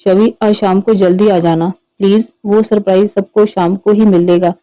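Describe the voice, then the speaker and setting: Rich: A sweet, innocent girl who pleads softly in an audio story , read by a woman narrator. The voice is dark and mellow, recorded dry. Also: mid-range voice, steady tone, normal speed, dry recording, natural voice, rough recording. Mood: pleading.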